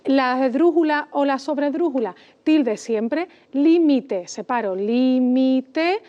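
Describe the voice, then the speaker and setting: High-voiced woman explaining patiently. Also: lo-fi sound. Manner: patient, deliberate, stretches stressed syllables to demonstrate. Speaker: language expert guest. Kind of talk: educational TV explanation.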